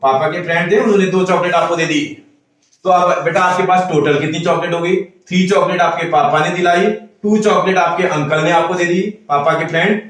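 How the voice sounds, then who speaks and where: A man's voice: high voice, steady tone, brisk, fairly bright tone, distant mic. A man teaching a maths lesson, patiently counting aloud and talking to the student as if to a child. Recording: echoey room, voice away from the mic.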